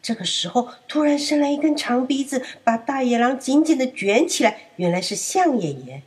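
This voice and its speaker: A woman narrating a children's story in an expressive, sing-song manner. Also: high-pitched, moderate pace, husky.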